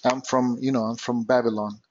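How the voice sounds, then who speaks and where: Husky middle-aged man. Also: mid-range voice, little pitch movement, fairly quick, dry recording. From northern Iraq. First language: Aramaic. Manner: chatty, hesitant, many fillers. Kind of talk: casual chat. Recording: dull lo-fi dry recording.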